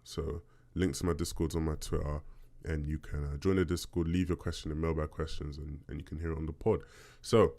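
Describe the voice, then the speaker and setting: Casting: male podcast host, deep low bass, casual solo question-and-answer delivery, conversational. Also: little pitch movement, brisk, gravelly, hardly any pauses, mellow. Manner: conversational, checks in with "right?".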